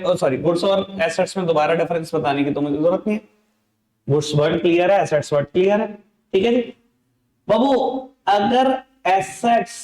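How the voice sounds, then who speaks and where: A man teaching accounting, in a playful, teasing voice that sits high for a man. He talks straight to his students and scolds them in jest. The sound carries a noticeable echo from the room. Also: darkish tone. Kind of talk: online class lecture.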